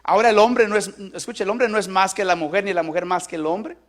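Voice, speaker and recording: High-voiced man preaching call-and-response. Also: steady tone, fast, a bit bright. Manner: asks the congregation to repeat lines aloud. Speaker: pastor. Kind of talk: sermon.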